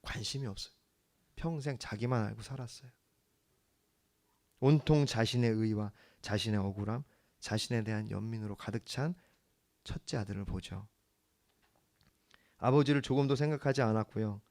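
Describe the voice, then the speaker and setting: A man preaching a sermon as the church's pastor, earnest, swinging from hushed lines to emphatic ones. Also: lowish voice, steady tone, moderate pace, long pauses.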